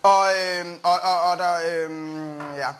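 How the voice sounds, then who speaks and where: A young male stand-up comic with a high voice, rambling through a story on a live stage. He stumbles over fillers and restarts before jumping into quoted voices, and clear room noise carries behind him. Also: steady tone, a bit bright. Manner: rambling and self-interrupting, many fillers, jumps into quoted voices. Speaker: stand-up comedian.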